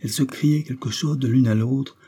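A man reading a literary audiobook with measured, grave storytelling. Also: mid-range voice, mellow, breathy edge. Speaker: audiobook narrator.

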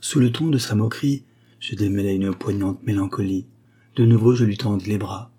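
A man narrating a literary story as an audiobook, in a measured, unhurried delivery. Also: lowish voice, mellow, slightly rough. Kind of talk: audiobook reading.

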